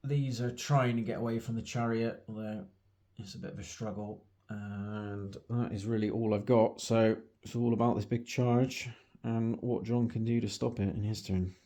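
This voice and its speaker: A man's voice: fairly low pitch, steady tone, moderate pace, mellow. A man recapping his army's turns in a tabletop battle report, matter-of-fact and a little wry.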